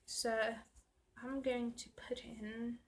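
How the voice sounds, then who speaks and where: In a slow, rambling planning vlog, a South African woman with Afrikaans as her first language mutters while working and teases herself in a chatty way. Her pitch is fairly high but her delivery is flat, and her tone is on the dark side. Faint background noise can be heard.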